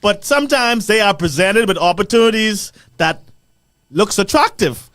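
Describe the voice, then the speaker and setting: Bahamian male panelist with a very high voice, emphatic and insistent. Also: animated, moderate pace, fairly bright tone. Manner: emphatic, repeats himself, interjects. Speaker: radio panel co-host. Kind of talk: heated radio panel debate.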